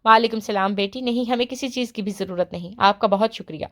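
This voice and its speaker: A woman voicing a kindly middle-aged mother in an audiobook who speaks gently and lovingly. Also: medium pitch, natural voice. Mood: affectionate.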